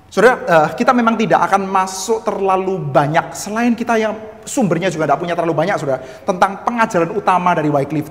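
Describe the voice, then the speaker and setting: A man with a Javanese-tinged Indonesian accent teaching church history, talking quickly in a fairly high voice. He keeps addressing his listeners directly and slips in humorous asides. The sound carries a long reverb, as in a hall.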